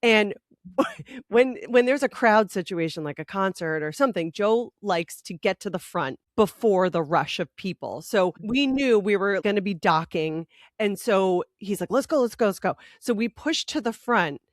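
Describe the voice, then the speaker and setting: Woman, 40s, podcast co-host, animated storyteller, laughs often, mid pitch, dry sound. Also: normal speed, dry recording. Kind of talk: casual chat.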